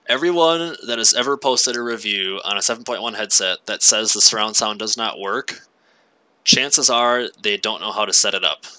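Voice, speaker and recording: A young man casually walking through headset software and setup as a gaming channel host, relaxed and rambling with lots of fillers, talking into a headset mic at home. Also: on the low side, normal speed, poor audio. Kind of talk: casual tech walkthrough.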